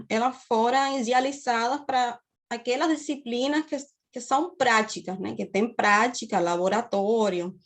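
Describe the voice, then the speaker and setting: A woman in her thirties from Cuba with a Cuban accent, giving a university lecture on a video call and explaining steadily, often checking in with her students. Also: high-pitched. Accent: Cuban Spanish. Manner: explanatory, often tags phrases with "né?". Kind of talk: online class lecture.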